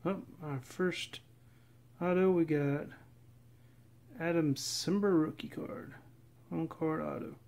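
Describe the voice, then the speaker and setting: A man casually narrating as he opens packs of trading cards, reading off names in a steady, relaxed list. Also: a little high, takes it slowly, creaky, long pauses. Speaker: card collector opening packs. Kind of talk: casual running commentary. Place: indoors at a table.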